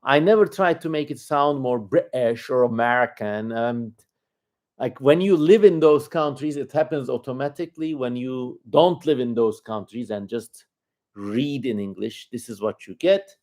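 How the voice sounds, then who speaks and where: Male livestream host, Turkish accent, mid-range voice. Informal, rambling commentary, thinking out loud as he goes. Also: medium pitch, normal speed. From Turkey.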